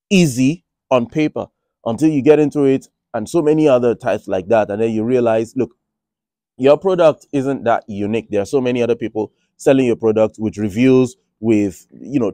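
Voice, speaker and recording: Here a finance vlogger with a Nigerian accent talks casually about his money and trading from the Republic of Ireland. The medium-pitched, mellow voice has no echo, and the monologue rambles with plenty of restarts and filler words.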